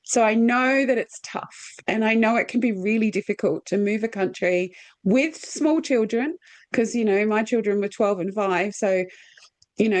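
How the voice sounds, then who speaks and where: A woman's voice: a little high, dry recording. A middle-aged woman from Australia hosting an interview in a casual, chatty, rambling way. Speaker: podcast host.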